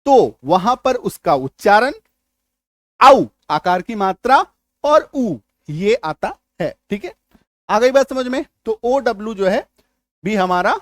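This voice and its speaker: A man's voice: sits high, no room sound. A man with an Indian accent teaching English spelling rules in a lesson. He drills words, repeats himself and keeps checking whether learners understood. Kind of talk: spoken lesson.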